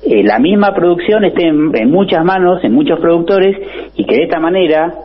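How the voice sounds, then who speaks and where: A man's voice: on the high side, fairly quick, highs cut off, a little hiss or hum. A man presenting his weekly agronomy column on a radio show, earnest and informative, with frequent filler sounds. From Argentina. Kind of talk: radio column, explanatory talk.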